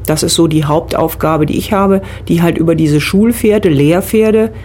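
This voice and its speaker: A middle-aged riding instructor from the Rhineland, with a Rhineland German accent, answers questions as a studio guest on a radio show. Her voice is on the low side and a little mellow, at a moderate pace, with slight background noise. She explains things step by step, using fillers.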